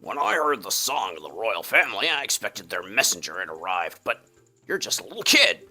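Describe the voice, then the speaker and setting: Man doing a furious rock-creature boss, gravelly, bright and sharp, shouting, wildly swinging pitch, game dialogue. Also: very animated, fairly quick, soft background music, exaggerated voice. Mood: angry. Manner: shouting, indignant. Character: huge furious male Goron rock-creature chief. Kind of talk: reading game dialogue aloud.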